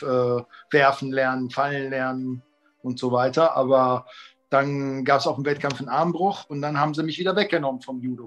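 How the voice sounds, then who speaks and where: A man in his fifties, raised between Italy and Germany, telling his story as an interview guest, rambling with many fillers and restarts. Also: medium pitch. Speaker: kung fu teacher, guest. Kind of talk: casual interview talk.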